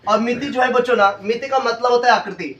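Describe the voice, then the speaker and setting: A man's voice: very high voice, brisk, recorded from a distance, crowd noise. A male coaching class teacher with a Uttar Pradesh Hindi accent, leading a classroom lesson and drilling terms with his students in call-and-response. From India. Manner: repeats questions to students, drills terms aloud. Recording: roomy lo-fi classroom sound from afar. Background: students in the room.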